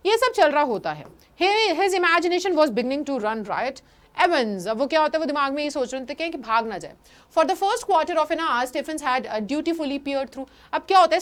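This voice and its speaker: High-voiced woman teacher explaining a story. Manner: reads English lines slowly, then explains in quick Hindi. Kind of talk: Hindi-English chapter explanation.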